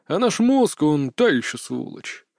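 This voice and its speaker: A man's voice: fairly high pitch, sing-song, measured pace, gravelly, a little mellow, no room sound, clean studio sound, full character voice. A man voicing a burly bearded older hunter who taunts and lectures in a sly, mocking way, read as an audiobook character. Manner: taunting, philosophizing.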